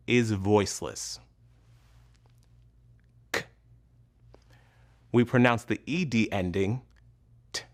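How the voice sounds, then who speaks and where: A man teaching English pronunciation in a scripted lesson, enunciating each sound carefully and pausing between words. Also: on the low side. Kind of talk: slow, deliberate scripted instruction.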